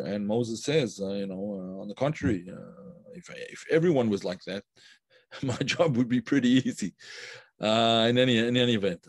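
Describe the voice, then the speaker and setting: Guy teaching an online class, lowish voice, lots of ums and restarts, dry close sound. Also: no echo. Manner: unhurried, thinking aloud with many fillers and restarts; warm praise for viewers' comments. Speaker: Kabbalah teacher. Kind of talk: live-streamed class reading viewer comments.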